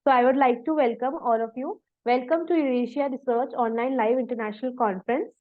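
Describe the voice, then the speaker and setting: A woman's voice: high-pitched, a little fast. A woman hosting an online conference, giving a polite, formal welcome and introduction. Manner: polite, repeats thanks and okays. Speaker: conference host. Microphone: video call. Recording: dull, lo-fi video call audio.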